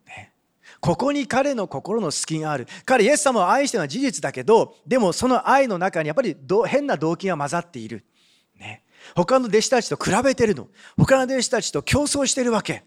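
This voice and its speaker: A man preaching a sermon as pastor, retelling a Bible story and reading scripture aloud, often adding a questioning "ne". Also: sits high. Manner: animated, with frequent rhetorical "ne" and Bible reading.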